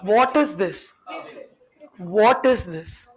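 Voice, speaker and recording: A young adult woman, a native Tamil speaker, gives a classroom lecture in an expressive, medium-pitched voice at an extremely slow pace. She fires question after question at her students and teases them in a chatty way. The audio quality is poor.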